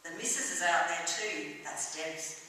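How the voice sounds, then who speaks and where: A man's voice: on the high side, unhurried, bright, forceful tone, a little hiss or hum, exaggerated voice. A woman voicing a blunt, chatty male pub barman who talks coarse and matey, heard from far off in an echoey hall.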